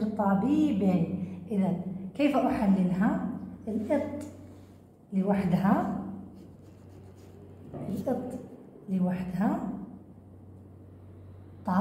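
A woman teacher giving a children's reading lesson, sounding out words slowly syllable by syllable. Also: on the high side, dark tone, a little hiss or hum. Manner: slow, drawn-out syllable-by-syllable sounding out. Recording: echoey room with long reverb.

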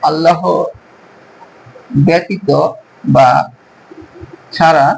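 High-voiced man teaching pronunciation slowly. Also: fairly even intonation, slight background noise, low-quality recording. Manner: slow, careful, drawn-out syllables when modelling sounds. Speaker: Arabic teacher. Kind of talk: pronunciation lesson.

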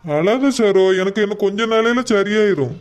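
A man voicing a calm, injured husband in a cartoon who reassures his crying wife. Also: sits high, normal speed. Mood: reassuring.

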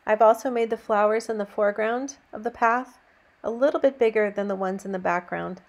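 A woman narrating a painting demonstration as an instructor, in a gentle, encouraging teaching manner. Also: medium pitch, brisk.

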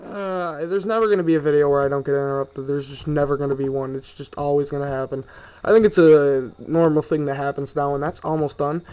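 A man's voice: a little high, steady tone, fairly quick, dark tone, clear, resonant tone. A young man giving casual, rambling commentary while he plays a video game, often sidetracked and grumbling in asides. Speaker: gaming video host. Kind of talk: casual let's play commentary.

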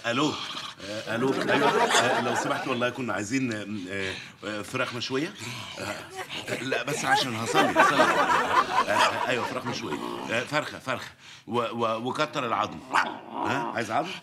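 A man plays an exasperated, sarcastic Egyptian sitcom character who keeps scolding a foolish friend. He talks fast at a middling pitch, with loud background noise under the dialogue. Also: big pitch swings, lightly acted. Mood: soothing. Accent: Egyptian Arabic. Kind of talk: sitcom acting.

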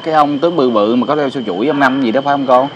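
A man's voice: mid-range voice, racing, muffled recording. A man hosts a vlog, asking short, deferential, probing questions. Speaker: vlog host interviewer. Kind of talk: casual interview. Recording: noisy outdoor ambience with passing vehicles.

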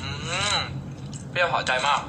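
A man chatting casually on a live stream, reading out viewer comments and selling pork, playful and joking, with a Khmer-speaking background. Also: measured pace. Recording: echoey room with background noise.

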